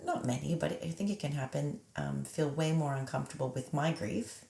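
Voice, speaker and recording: A woman with a low voice and a gravelly edge, speaking slowly and reflectively in a relaxed podcast chat. Her words come with pauses and soft fillers, and the sound carries a roomy echo. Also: a little hiss or hum. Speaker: podcast conversation partner. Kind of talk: casual reflective conversation.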